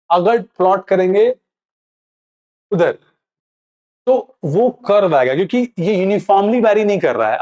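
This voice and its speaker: A man teaching a physics lesson, asking questions aloud and answering them himself, slipping English phrases into his explanation. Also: sits high. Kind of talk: classroom lecture.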